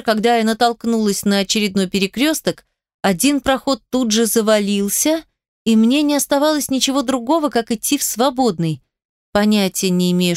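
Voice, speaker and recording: A woman narrating a first-person fantasy audiobook in an expressive storytelling manner. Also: medium pitch, clean tone, no echo, studio quality.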